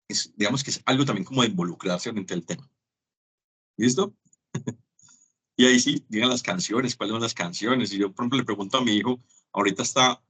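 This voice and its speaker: A man with a lowish, slightly bright and somewhat rough voice gives a teaching lecture over a web conference. His style is chatty, and he acts out little dialogues as examples.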